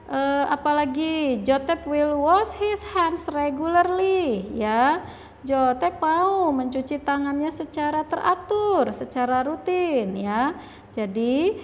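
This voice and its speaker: Slow, high-voiced woman teaching English. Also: long reverb tail, slight background noise. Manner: says "ya" after nearly every phrase; reads example dialogues aloud, then translates them. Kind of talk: slide lesson explaining grammar.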